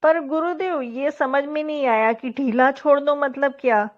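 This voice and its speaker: A woman with a high voice asks questions of a spiritual teacher in a live session. She hesitates often, restarts her sentences, and searches for words. Her voice comes through muffled, lo-fi call audio. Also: steady tone, unhurried. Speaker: devotee asking questions.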